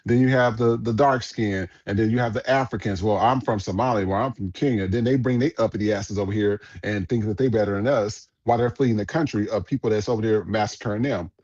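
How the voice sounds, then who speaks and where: A man's voice: lowish voice, brisk, hardly any pauses, darkish tone, no room sound, dull audio. A man hosting a podcast, giving blunt, profane, rambling commentary on viral clips. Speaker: podcast host.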